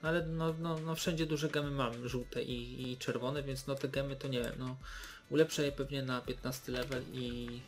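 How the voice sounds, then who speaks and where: A man's voice: medium pitch, steady tone, normal speed, soft background music. A young man giving casual, hesitant commentary while opening game loot boxes, with many fillers and restarts. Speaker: gaming YouTuber.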